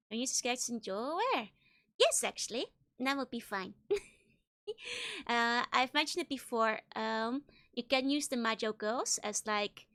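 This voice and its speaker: High, bright-voiced woman streamer. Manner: bubbly, giggly, gushing delivery. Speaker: streamer, virtual YouTuber host. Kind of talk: casual livestream chat with viewers.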